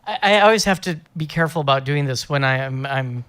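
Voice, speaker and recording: A man's voice: on the high side, lively intonation, fast talker, a bit bright. A man, a guest professor, explaining technical points in a patient, teacherly way.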